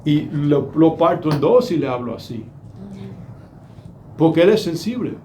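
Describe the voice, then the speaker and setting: A middle-aged man preaching a sermon, emphatic, acting out quoted voices and moving between soft and loud delivery. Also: on the high side, expressive, unhurried, slight background noise.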